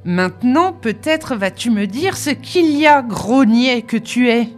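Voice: mid-range voice, unhurried, faint music behind, voice pushed down, close to an everyday voice. A reader voicing a bad-tempered elder sister who scolds sharply and sourly, in an audiobook. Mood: furious. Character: shrill, furious, bullying older sister.

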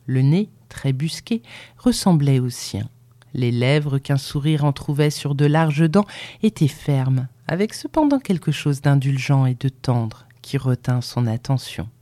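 A woman reading a novel aloud as a narrator, in an unhurried and expressive storytelling manner. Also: rumbling low, dry recording. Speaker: audiobook reader.

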